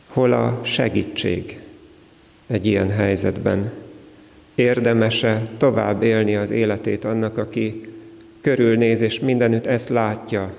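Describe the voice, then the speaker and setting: A man delivers a sermon in a slow, reflective, carefully measured way, leaving long pauses between his short phrases. His voice sits low with a gravelly edge and stays fairly level in pitch. The sound carries a long reverb from a large hall. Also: little pitch movement, a little mellow. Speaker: preacher.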